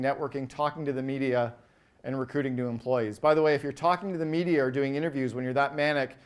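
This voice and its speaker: A man giving an energetic business keynote on stage, firing quick questions at the audience and rattling off lists. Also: medium pitch. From Canada. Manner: animated, asks the audience quick questions, acts out quoted voices. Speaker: keynote speaker. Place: event stage before a live audience.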